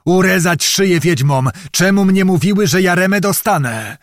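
A man voicing a defeated Cossack hetman with a hoarse voice, roaring in despair. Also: on the high side, very animated, measured pace, no echo, studio quality, voice pushed up. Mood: raging.

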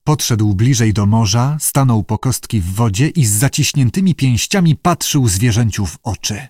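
Man narrating an audiobook, steady measured read, dry close sound. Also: medium pitch, slightly rough, no echo. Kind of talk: scripted narration.

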